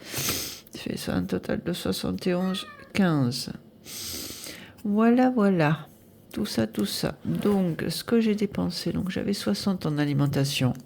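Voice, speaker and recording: Woman, 50s, casual home vlogger, nasal and gravelly, chatty with lots of fillers. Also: on the low side, slow pace, a little mellow, a little hiss or hum. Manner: chatty, hesitant, many fillers, thinking aloud while adding sums. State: nasal from air conditioning. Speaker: budget vlogger. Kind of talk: casual budget review to camera.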